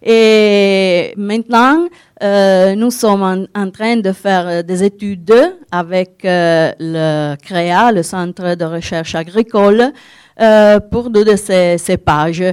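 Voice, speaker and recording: A woman with a noticeable Italian accent gives a presentation as a non-native speaker. Her delivery is slow and hesitant as she hunts for words. The voice is smooth and clear, captured close and dry. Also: medium pitch, steady tone, a little mellow, no echo. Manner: halting, searching for words in non-native French. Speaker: winegrowers' association representative giving a talk. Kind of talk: conference presentation.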